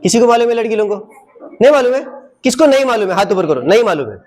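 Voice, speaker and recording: A man's voice: sits high, big pitch swings, racing, darkish tone. Man, teacher, classroom lesson for children, coaxing, repeats his questions. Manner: coaxing, asks the class the same question again and again. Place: classroom with a projector.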